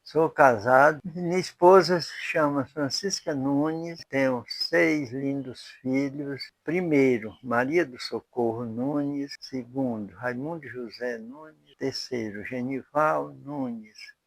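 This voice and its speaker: A man in his eighties with a Northeastern Brazilian accent from Piauí, slowly telling his life as a cowboy, with restarts and rural turns of phrase. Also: mid-range voice, poor audio. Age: 80s. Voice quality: gravelly. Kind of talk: slow spoken self-portrait.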